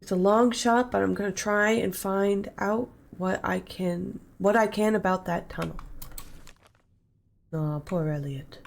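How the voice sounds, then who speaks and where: A woman's voice: mid-range voice, a little slow, gravelly. A woman streaming a horror game, reading in-game notes aloud and swearing casually at enemies. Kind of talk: live gameplay commentary.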